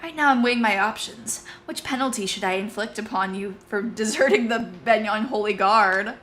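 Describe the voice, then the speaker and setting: A woman's voice: mid-range voice, normal speed, a bit bright, a little hiss or hum, natural voice. A woman voicing a stern, formal female commanding officer in a game.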